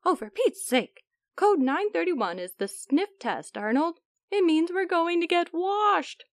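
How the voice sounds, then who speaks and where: A woman voicing a bossy germ leader in a children's storybook, scolding and impatient with a slower companion. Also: very high-pitched, big pitch swings, no room sound, clean studio sound, pitched above the performer's own voice, exaggerated voice. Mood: exasperated.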